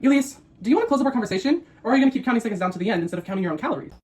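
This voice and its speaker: A woman's voice: on the high side, lively intonation, rapid-fire, background noise. A young woman co-hosting a video, switching between scripted facts and snippy, playful teasing. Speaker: co-host of a mukbang video. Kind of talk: scripted explainer mixed with playful banter.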